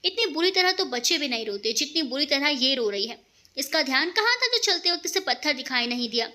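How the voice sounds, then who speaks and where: A woman's voice: high voice, big pitch swings, brisk, sharp tone, exaggerated voice. An exasperated scolding older brother, as a woman puts him on. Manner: exasperated, complaining.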